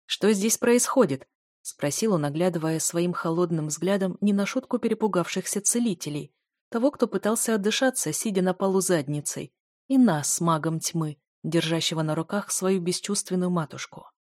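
Female audiobook narrator, steady first-person storytelling, slightly low voice, dry close mic. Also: normal speed, no room sound.

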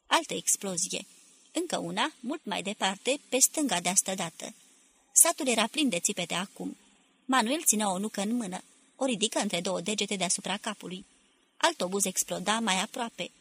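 A woman narrating a novel in a steady, measured audiobook reading. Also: medium pitch, husky. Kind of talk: scripted literary narration.

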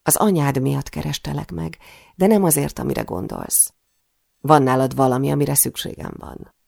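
A reader doing a calm, deep-voiced stern older man. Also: creaky, no echo, clean studio sound. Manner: low, steady and reassuring. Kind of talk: audiobook reading.

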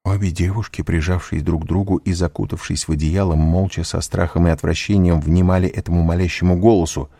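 A man with a very deep voice reads a classic novel aloud at a measured, dramatic pace. The recording is dry and close, with no room sound. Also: flat delivery, gravelly, mellow, slightly rough, no echo. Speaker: audiobook narrator. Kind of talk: scripted narration.

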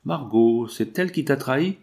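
A man reading aloud as a calm young medical intern who teases his friend with dry irony. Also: medium pitch, normal speed, pitched above the performer's own voice, lightly acted. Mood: ironic. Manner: dry, ironic. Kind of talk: audiobook reading.

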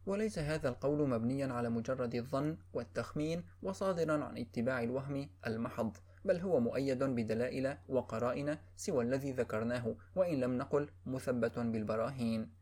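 A man giving a steady, measured formal reading of a classical history book. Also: mid-range voice.

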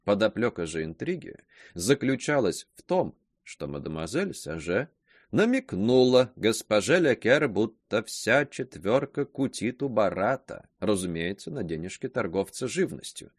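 A man narrating a classic novel in an expressive audiobook reading style. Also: on the low side, measured pace, no echo, studio quality. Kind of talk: literary narration.

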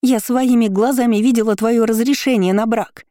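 A reader voicing a jealous young woman in an audiobook, shrill and breaking with tears. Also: moderate pace, dark tone, dry recording, studio quality, natural voice. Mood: tearful anger. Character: tearful jealous young woman, fiery and desperate. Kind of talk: audiobook character voice.

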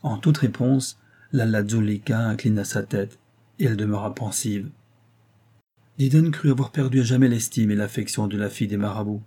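A man narrating a classic short story in a measured, lyrical audiobook reading. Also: on the low side, mellow.

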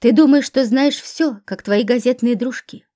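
A woman reading the part of a furious, bitter husband who shouts accusations at his wife in an audiobook. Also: fairly high pitch, moderate pace, natural voice.

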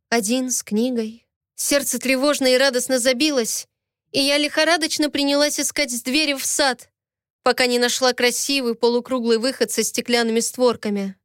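A woman's voice: fairly high pitch, clear, resonant tone, no echo, studio quality. A woman narrating a first-person audiobook with an emotional, dramatic reading.

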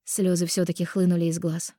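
A woman reading a first-person romance audiobook in an expressive, intimate way on a close microphone. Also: lowish voice, fairly quick, no echo. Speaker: audiobook narrator.

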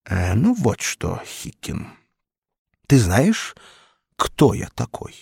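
A sly dream wizard, played by a man in an unhurried, coaxing voice that stretches its words. The recording is close and dry, like a storybook reading. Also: on the low side, huge pitch swings, vocal fry, a little mellow, breathy edge, no room sound, full character voice. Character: sly male stranger who claims to be a wizard.

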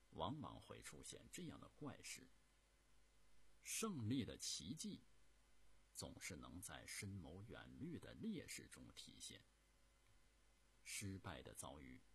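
A man narrating a historical story dramatically, jumping from loud bursts to hushed whispers. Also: a bass voice, creaky, slight background noise.

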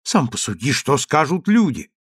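A man's voice: medium pitch, big pitch swings, moderate pace, breathy edge, dry recording, clean studio sound. A man reading a story aloud and voicing a tearful young baroness who pleads and then snaps in exasperation. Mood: pleading.

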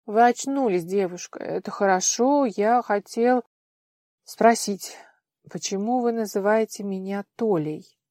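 A woman's voice: mid-range voice, unhurried, dark tone, no echo, studio quality, lightly acted. A woman voicing a formal, puzzled young man. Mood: puzzled, polite. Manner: formal, questioning.

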